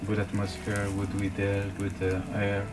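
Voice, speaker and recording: A woman interpreting for a local host, speaking halting English with many fillers. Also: very deep voice, monotone, background noise. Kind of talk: interpreting in casual chat. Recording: loud music over the voice.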